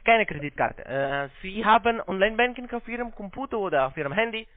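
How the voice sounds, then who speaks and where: A call center investment salesman on a scam call makes a phone sales pitch in broken German, which is not his first language, with a foreign accent. He is polite, halting, repetitive, and expressive. The sound is narrow-band phone audio with no room sound.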